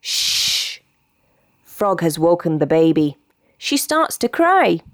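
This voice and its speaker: British woman, young adult, bedtime story reader, lively lilting delivery, low voice, dry close sound. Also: a little slow, no echo. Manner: expressive, animated storytelling. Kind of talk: children's bedtime story read-aloud.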